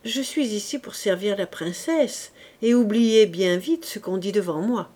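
A woman reading the lines of a witty court duchess in a calm, ironic way. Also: medium pitch, a little slow, lightly acted.

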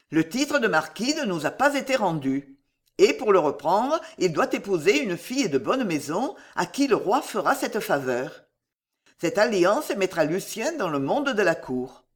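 A narrator voices a threatening false priest from a classic novel on audiobook, speaking in a natural, medium-pitched voice with a controlled, overbearing manner.

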